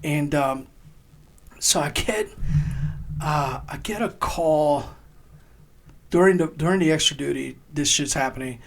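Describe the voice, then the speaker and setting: A man casually telling a rowdy army story on a podcast, swearing often and laughing as he acts out shouted quotes. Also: on the high side, measured pace, vocal fry, pauses often. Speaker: podcast co-host, army veteran.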